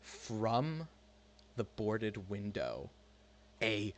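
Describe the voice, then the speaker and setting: A man narrating a tabletop role-playing game as game master, halting and suspenseful. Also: fairly low pitch, sing-song.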